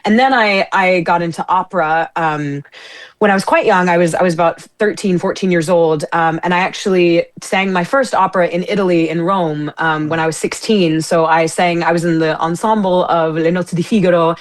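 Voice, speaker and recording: An American woman who sings opera and performs in musical theatre is a guest on a radio interview, chatting casually. Her voice is lowish and steady at a normal speed, yet her manner is bubbly and effusive, packed with fillers and restarts.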